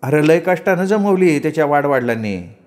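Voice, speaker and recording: A man's voice: on the high side, animated, fairly quick, pitched above the performer's own voice, close to an everyday voice. A bitter young farmer grumbles in a plain, everyday voice, voiced by a man narrating a story. He sounds weary and resentful, close to the storyteller's own tone.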